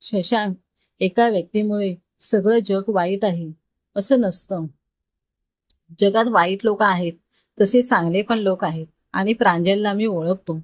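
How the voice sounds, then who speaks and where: A woman's voice: mid-range voice, unhurried, dry recording, natural voice. A woman storyteller voicing a friendly, teasing young male coworker in a dry, close recording. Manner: easygoing, teasing.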